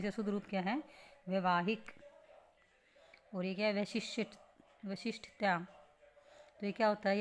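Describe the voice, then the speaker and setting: A woman's voice: medium pitch, slight background noise. A woman teaching a grammar lesson on correct spelling, explaining patiently step by step and asking rhetorical questions as she goes. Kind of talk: spelling lesson for exam students.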